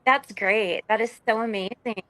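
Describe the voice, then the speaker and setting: A woman's voice: fairly high pitch, fairly even intonation, normal speed, sharp tone, no room sound, rough recording. A woman leading a cacao ceremony chats enthusiastically on a live video call from her phone, and her audio keeps cutting out. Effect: audio cutting out in dropouts. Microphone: phone microphone.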